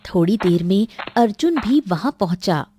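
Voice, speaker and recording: A woman narrating a Hindi cartoon story in a measured, somber way. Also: medium pitch, lively intonation, dark tone, slight background noise.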